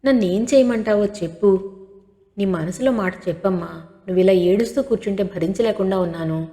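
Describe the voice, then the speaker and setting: A woman reading the part of a caring young daughter who coaxes her mother softly, with a long hall reverb. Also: medium pitch, a little fast, lightly acted. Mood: pleading. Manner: soft, coaxing, pitying.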